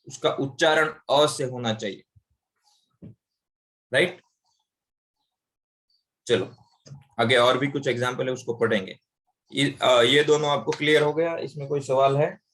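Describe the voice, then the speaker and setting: A man's voice: medium pitch, steady tone, unhurried, pauses often, fairly bright tone. A man teaching English grammar in an online class, explaining patiently and repeating examples aloud.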